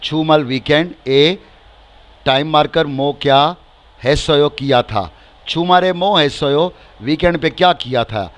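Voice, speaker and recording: A man with a Pakistani accent teaches a beginner language class in a slightly high voice. He talks slowly and patiently, drawing out each word and repeating phrases with their translations. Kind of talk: spoken language lesson.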